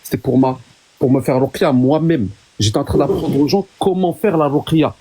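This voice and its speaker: A man's voice: fairly high pitch, normal speed, mellow, husky. A man explaining himself as a guest in a casual live debate, insistently repeating words as he goes.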